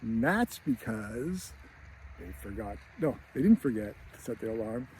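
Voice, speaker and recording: A man's voice: on the low side, lively intonation, measured pace, a little mellow, a little hiss or hum. A man teaching screenwriting, chatting casually and chuckling as he retells scenes. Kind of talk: casual film breakdown.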